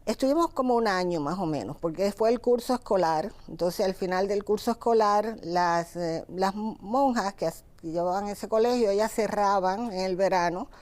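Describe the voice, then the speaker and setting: A woman in her seventies from Cuba with a Cuban Spanish accent, a guest author telling her family story in an interview, unhurried and full of fillers and restarts. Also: mid-range voice, darkish tone. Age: 70s.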